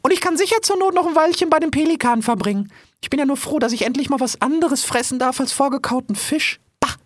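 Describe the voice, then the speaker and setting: A woman's voice: high voice, lively intonation, fast talker, dry recording, clean studio sound. A woman voicing a polite, chatty female mouse surveyor in an audio drama, formal and eager. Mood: grateful.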